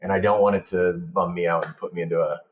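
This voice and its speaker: A film director born in Portugal guests on a podcast, speaking low and at a quick pace. He rambles through long anecdotes in an animated storytelling style, and the sound is roomy and muffled.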